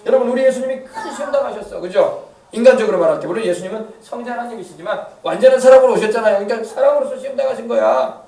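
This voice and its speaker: A male pastor preaching a lively sermon, drawing responses from the congregation and acting out what people say. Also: high voice, racing. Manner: animated preaching with call-and-response and acted-out quotes. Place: church sanctuary. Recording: echoey church hall from a distant mic.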